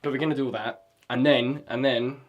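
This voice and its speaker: A vlogger chats casually while writing a script, rambling, swearing often, and searching aloud for the right word. His mid-range voice has fairly even intonation and a slightly fast pace, and the audio sounds dull.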